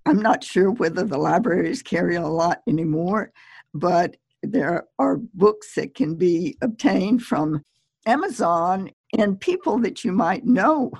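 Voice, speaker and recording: A woman talks slowly through advice for new poets, and her voice has a husky, slightly breathy grain. The recording is close and dry, with no room sound. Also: on the low side, expressive, darkish tone, no room sound. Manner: slow, measured and chatty, with small laughs. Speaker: poet giving advice, podcast guest. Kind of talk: relaxed conversational advice.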